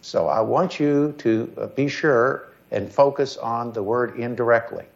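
Casting: male judge, average pitch, folksy insistent questioning, muffled video-call sound. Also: unhurried, vocal fry. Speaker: appellate judge. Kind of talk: questioning from the bench. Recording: dull video-call audio.

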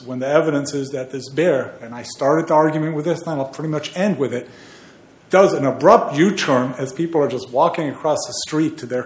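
A man arguing a case as an attorney before an appeals court, earnest and emphatic. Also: medium pitch. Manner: earnest, emphatic legal argument. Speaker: appellate attorney. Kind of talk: oral argument before a court. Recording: echoey courtroom.

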